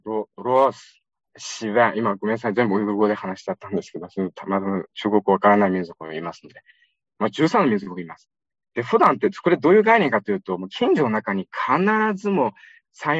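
A young man from Xinjiang, China, gives a public lecture in a chatty, storytelling way, often speaking straight to his audience. His pitch swings widely and keeps the delivery animated. The sound is dry and close, with faint music underneath. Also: dry recording, poor audio. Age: young adult.

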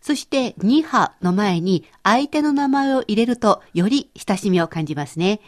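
A woman's voice: mid-range voice, expressive, normal speed. A woman co-hosting a scripted language lesson, explaining phrases in a conversational way. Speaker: language teacher co-host.

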